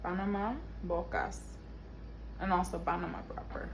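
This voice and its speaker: A woman's voice: fairly low pitch, flat delivery, normal speed, gravelly, a little hiss or hum, low-quality recording. A woman chatting casually and rambling as she thinks aloud, with slangy, sweary talk. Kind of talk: casual rambling chat, reminiscing.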